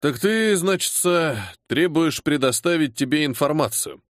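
A man voicing a tired, irritable colonel who heads a security service department, gruff and sarcastic with his subordinate. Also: on the high side, expressive, unhurried, no echo, studio quality. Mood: irritated. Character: weary irritable older male colonel, security service chief.

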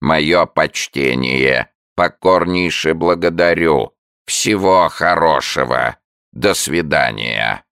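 A man reading an audiobook voices a sickly male salamander that croaks its words out slowly and with effort. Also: rumbling low, fairly bright tone, dry recording, clean studio sound, full character voice. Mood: strained. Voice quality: croaking, creaky. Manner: slow, laboured words.

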